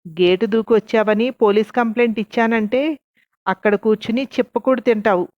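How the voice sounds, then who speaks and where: A woman narrator voicing a fierce, angry middle-aged neighbor woman who scolds loudly. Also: a little high, steady tone, a little fast, no room sound, muffled recording, close to an everyday voice. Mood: scolding. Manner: loud, scolding.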